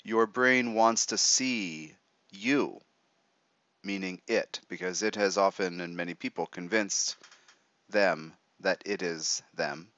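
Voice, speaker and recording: A man guiding a meditation in a measured, instructive way, pausing between short phrases. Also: low voice, a bit bright, no echo, dull audio. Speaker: meditation guide. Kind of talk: guided meditation.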